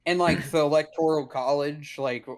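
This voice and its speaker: A young man with a fairly high voice chats casually as a podcast co-host. He is informal and slangy, feeling his way through his sentences. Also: steady tone, moderate pace. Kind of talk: casual chat.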